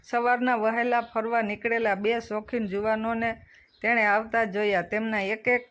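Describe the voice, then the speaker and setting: A storyteller giving a steady, measured reading of a scripted short story. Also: mid-range voice.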